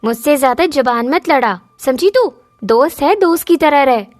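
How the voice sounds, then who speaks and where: Spoiled jealous cartoon girl, shrill, bossy, mocking, voiced by a woman. Very high, dry. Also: animated, measured pace, no room sound, faint music behind. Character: spoiled jealous teenage girl, sharp-tongued. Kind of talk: cartoon dubbing.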